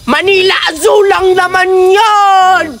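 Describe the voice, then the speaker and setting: A woman's voice: extremely high pitch, fairly even intonation, slow pace, shouting. A woman voicing a spoiled, boastful little girl in a comic skit, bragging in a whiny childish voice.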